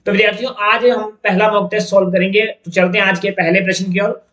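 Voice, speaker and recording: High-voiced man teaching in an echoey room. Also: fairly even intonation, fast talker, fairly bright tone, lo-fi sound. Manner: explains step by step, repeats key terms. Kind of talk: exam-prep lesson.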